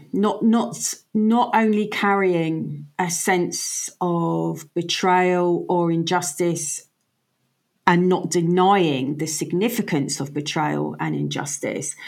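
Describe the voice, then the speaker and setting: A woman interviewer asking questions in a measured way, often restarting her phrases. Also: on the low side, a little mellow.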